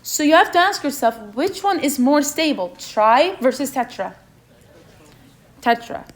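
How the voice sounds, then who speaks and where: Her high-pitched, expressive voice moves a little slowly as this young woman, who has a non-native English accent, guides students through chemistry exam review. She poses questions and regularly asks "okay?"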